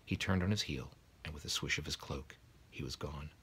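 A man softly reading a bedtime story aloud in bed, his narration sometimes dropping to a whisper. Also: rumbling low, a little fast, breathy edge. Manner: soft, quiet narration, drops to a whisper. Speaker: reader.

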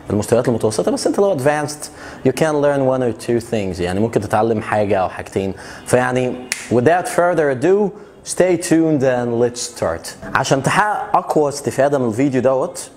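A man with an Egyptian Arabic accent runs an English pronunciation lesson in a mid-pitched voice. He explains quickly, then says each English model word slowly and clearly. A faint noise hangs behind him. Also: darkish tone. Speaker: English teacher.

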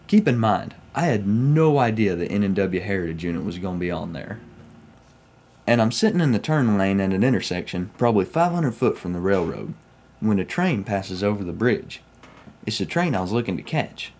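A young man with a Southern US accent, from Oklahoma, United States, speaks at a moderate pace in a lowish, darkish voice full of big pitch swings. He's a railfan vlogger spinning casual first-person stories in a folksy manner, indoors in a small home room.

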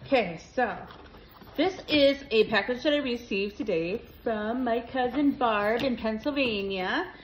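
Woman from Minnesota, middle-aged, unboxing craft supplies, gushing and excited, unhurried speech, fairly high voice, faint noise behind. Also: poor audio. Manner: gushing, excitable, lots of gasps and exclamations. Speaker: junk journal crafter unboxing mail. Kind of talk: casual unboxing vlog.

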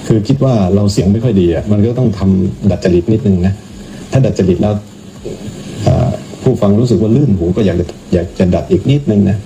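Teasing monk with a low voice, noisy recording. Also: male voice, brisk. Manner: teasing, joking. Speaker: Buddhist monk. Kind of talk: casual mocking commentary. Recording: clear background noise.

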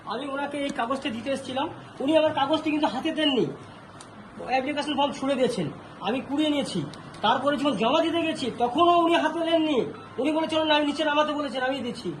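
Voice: high-pitched, fast talker. A complainant recounting how a clerk treated them at a ticket counter. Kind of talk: recounting an incident. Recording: crowd and noise behind.

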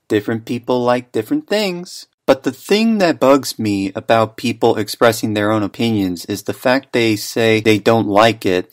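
A man's voice: medium pitch, no echo, clean studio sound. A young man who makes cartoons, giving an earnest, self-deprecating scripted opinion commentary. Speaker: cartoon and animation creator.

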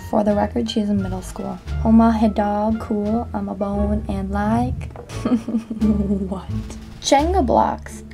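A woman's voice: medium pitch, flat delivery, takes it slowly, gravelly. A woman reading online comments aloud in a casual vlog, adding sarcastic, dry retorts. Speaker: video creator and host. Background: music.

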